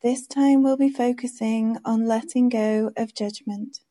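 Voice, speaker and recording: Female meditation guide: soft, very warm and dark timbre, drawn-out calm delivery. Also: on the high side. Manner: gentle, soothing, unhurried instructions.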